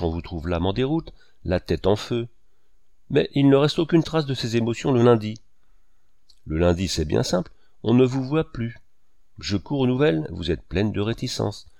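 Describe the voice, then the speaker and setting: A man's voice: medium pitch, gravelly, darkish tone, dry recording, clean studio sound. A man reading aloud, voicing a proud young writer who speaks with sarcasm and bitterness.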